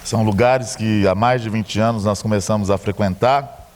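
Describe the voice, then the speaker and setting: A man's voice: on the low side, steady tone, moderate pace, darkish tone. A middle-aged man with a Brazilian Portuguese accent, preaching a sermon as a pastor and telling a story with joking asides.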